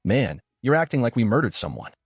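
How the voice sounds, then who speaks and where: A man's voice: mid-range voice, big pitch swings, fairly quick, husky, no room sound, studio quality. A man voicing a scoffing young adult foster brother, in a storybook reading. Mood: dismissive.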